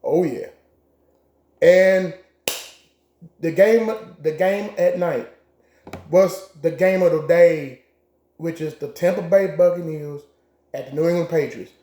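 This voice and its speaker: A man with a fairly high but mellow, relaxed voice talks casually as a co-host, trading blunt, profane trash talk. The sound is roomy and echoey, as if recorded in a bare room. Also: slow, long pauses. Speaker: co-host making game picks. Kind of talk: casual sports chat.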